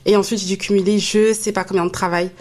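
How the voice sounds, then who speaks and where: A woman's voice: medium pitch, little pitch movement, quick pace, darkish tone. A woman co-hosting a podcast, telling a personal story in a confiding, hesitant way. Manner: hesitant, confiding, many fillers. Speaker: podcast co-host. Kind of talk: personal testimony in casual chat.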